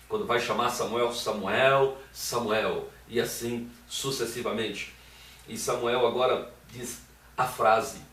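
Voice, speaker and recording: A man's voice: lowish voice, a bit bright. A man preaches a sermon, retelling a story and acting out its voices. He is heard from some distance off the mic. The room around him rings with echo. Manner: storytelling, acts out quoted voices. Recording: echoey room, voice from afar.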